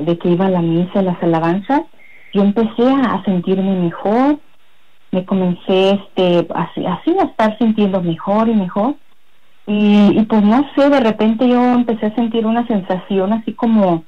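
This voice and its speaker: Woman giving a halting faith testimony. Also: medium pitch, lo-fi sound. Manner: halting, rambling storytelling with many fillers. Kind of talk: personal religious testimony.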